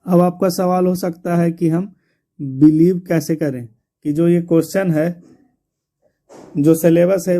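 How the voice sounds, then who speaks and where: High, flat-voiced male tutor. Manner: repeats points, spells out words letter by letter. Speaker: exam coaching teacher. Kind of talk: explaining a syllabus to students.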